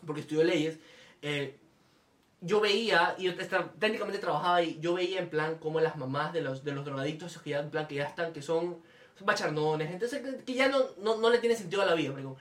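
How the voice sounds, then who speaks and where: Fast-talking young man telling stories. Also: a little high, roomy sound, distant mic. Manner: animated storytelling, slips into quoted voices. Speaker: podcast host. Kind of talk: casual comedic chat.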